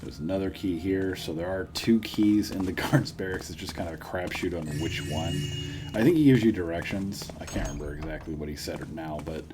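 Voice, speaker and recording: Let's player, male, low voice: casual, self-deprecating walkthrough talk over clearly noisy game ambience. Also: brisk. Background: game sounds.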